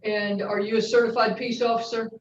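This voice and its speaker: Woman prosecutor, brisk formal questioning, courtroom recording, distant and roomy, dull lo-fi sound. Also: on the high side, little pitch movement.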